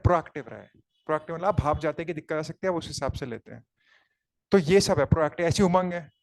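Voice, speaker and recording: A man with an Indian accent giving an online coaching lecture, explaining in quick asides and then dictating notes slowly word by word. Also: fairly high pitch, a little mellow, dry recording. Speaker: teacher.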